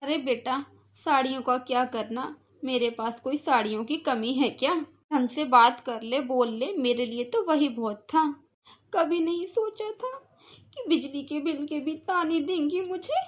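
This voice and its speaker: A gentle mother, voiced by a woman for a cartoon, speaking softly in a high voice. She sounds wounded as she defends her young daughter. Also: moderate pace, lightly acted. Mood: sorrowful. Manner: soft, wounded. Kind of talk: cartoon voice acting.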